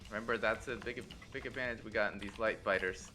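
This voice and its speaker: Male squad leader, energetic game callouts, forceful tone. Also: fairly low pitch, a little hiss or hum. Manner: energetic, directive, quick to cheer.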